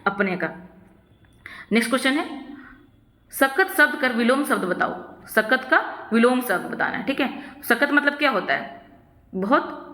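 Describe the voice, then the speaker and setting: Woman teacher going through exam questions, bright higher voice, repeats every answer, roomy echo. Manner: asks a question then answers it, repeats answers, frequent "ठीक है". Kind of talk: solving practice questions. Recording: echoey room with long reverb.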